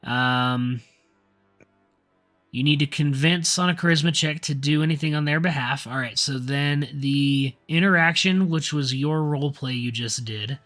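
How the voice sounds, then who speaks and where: Bright-voiced man running a tabletop game. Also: on the high side, unhurried, soft background music. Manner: descriptive, reads rules aloud. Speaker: dungeon master.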